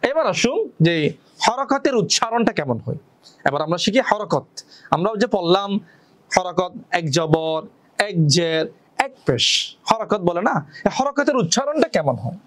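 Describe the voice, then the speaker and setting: Man, high-pitched voice, patient Quran reading teacher, step-by-step explanations, slow drawn-out recitation. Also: very animated. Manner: explains step by step, asks and answers his own questions; draws out recited Arabic words slowly. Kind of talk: patient classroom lesson.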